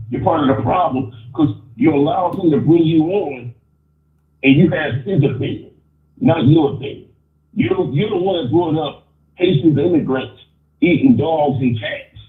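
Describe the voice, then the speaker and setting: Muffled guy calling in on an earbud, tinny phone sound, echoey, keeps restarting his words. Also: on the high side. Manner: stammering restarts, blunt and opinionated. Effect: muffled phone line over an earbud. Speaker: caller. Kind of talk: opinionated call-in rant. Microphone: wireless earbud on a phone call.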